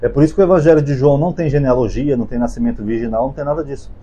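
A man's voice: medium pitch, rapid-fire, warm tone, breathy edge, dull audio. A Brazilian man giving an unscripted, conversational talk on the gospels, peppering his points with "né" and "tá" as he speaks from memory. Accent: Brazilian Portuguese. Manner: conversational, many fillers like "né" and "tá". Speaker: YouTube Bible commentator. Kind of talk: casual spoken lecture on the gospels.

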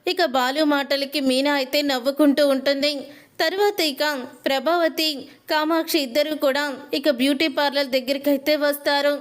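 A woman narrating a retelling of a TV serial episode in a brisk storytelling manner. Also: high-pitched, fairly even intonation.

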